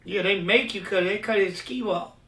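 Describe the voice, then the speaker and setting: A man's voice: high voice, a little fast, sharp tone, recorded from a distance. A man from California, a recording artist, talking as a guest in a casual interview, telling loose slangy stories and acting out the voices of people he quotes. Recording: roomy sound, voice set back from the mic.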